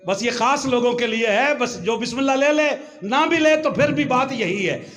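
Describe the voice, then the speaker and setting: A high-pitched man delivers a Friday sermon in a mosque, speaking. He switches between soft storytelling and loud, shouted peaks, acting out the voices he quotes. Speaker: preacher.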